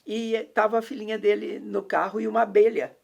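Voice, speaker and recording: Mulher de voz rouca e áspera. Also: female voice, medium pitch, flat delivery, a little fast, creaky, a little mellow. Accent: Brazilian Portuguese. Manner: preachy storytelling, many fillers and tag questions. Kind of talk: casual faith chat.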